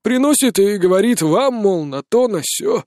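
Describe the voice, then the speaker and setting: A man's voice: high voice, expressive, normal speed, a little mellow, no room sound, studio quality, voice pushed up. A man reading an audiobook, voicing a flustered elderly father who rambles in a simple, hesitant way. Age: older.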